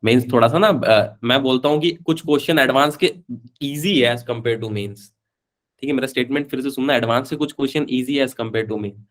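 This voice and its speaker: A man's voice: medium pitch, moderate pace. A man teaching a live online physics class, chatty, calling students beta and switching between Hindi and English.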